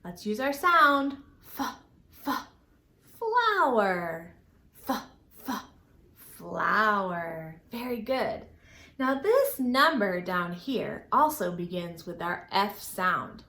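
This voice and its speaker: A woman's voice: medium pitch, slow. A woman hosting a children's storytime, speaking in simple, encouraging, exaggerated phrases as she teaches and asks questions. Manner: exaggerated, animated delivery. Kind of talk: children's storytime lesson with questions and sing-song. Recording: roomy, echoing indoor sound.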